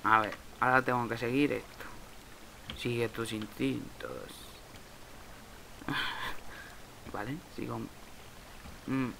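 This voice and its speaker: A man's voice: mid-range voice, steady tone, slow pace, creaky, long pauses, noisy background. A young man from Spain with a Spain Spanish accent, casually commenting on his own Minecraft game, muttering and swearing at lag. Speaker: Minecraft let's player.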